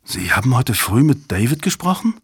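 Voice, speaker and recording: A man reading an audiobook voices an angry, indignant young woman who fires off sharp, clipped questions. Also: medium pitch, very animated, moderate pace, husky, no echo, studio quality. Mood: stunned. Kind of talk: audiobook character voice.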